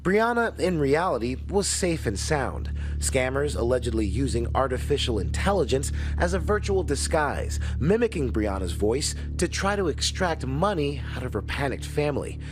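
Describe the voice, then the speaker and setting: A man narrating a news report and interviewing, with a dramatic, lively delivery. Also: mid-range voice, normal speed. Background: music.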